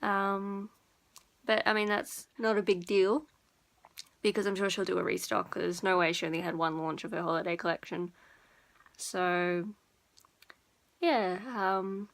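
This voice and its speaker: A woman's voice: fairly low pitch, a bit bright. A young woman vlogger chatting informally to her viewers, rambling a little and correcting herself as she goes. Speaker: beauty and lifestyle vlogger. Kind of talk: casual chat to viewers.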